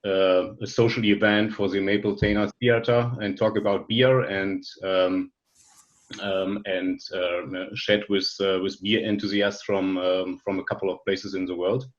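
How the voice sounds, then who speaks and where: A man's voice: low-pitched, level tone, a little slow, lo-fi sound. A man from Germany with a German accent, a non-native English speaker, giving a friendly, hesitant presentation full of fillers and restarts over a video call. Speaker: guest presenter.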